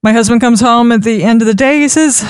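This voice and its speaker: A woman giving an instructional talk on communication, measured and repeating key points for emphasis. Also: on the high side, clear, resonant tone, no room sound. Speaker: communication trainer.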